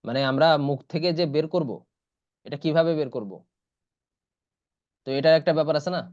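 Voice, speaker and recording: A man with a fairly high voice teaches an online class. He says each letter slowly and repeats it several times, patient and steady. The audio is dry and dull, as if heard through an online call. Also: no room sound. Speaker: Quran teacher. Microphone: computer or headset mic in an online class.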